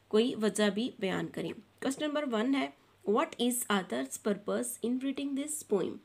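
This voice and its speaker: Speaking at a fairly high pitch, a Pakistani-accented woman tutors children online from a textbook. Each English line is read out slowly and followed by her explanation in Urdu.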